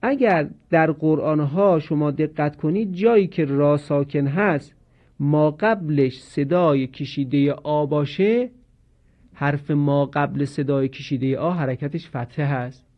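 Man teaching slow, careful pronunciation. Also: a little high, highs cut off. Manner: slow, measured explanation with drawn-out recited example words. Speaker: Quran recitation teacher. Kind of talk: instructional lesson on Quranic pronunciation.

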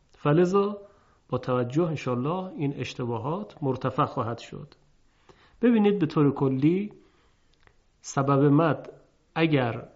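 A man gives a recorded recitation lesson in a steady, explanatory manner, stretching out example words so the sounds can be heard. His voice sits a little high for a man. The recording is muffled and lo-fi. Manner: measured and explanatory, slowly drawing out example words. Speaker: Quran recitation teacher.

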